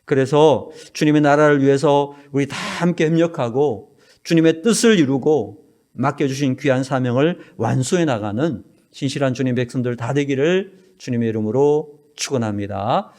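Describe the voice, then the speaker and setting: A male pastor preaching an earnest sermon in a church, his voice dropping low at the ends of phrases. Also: normal speed, darkish tone. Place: church sanctuary.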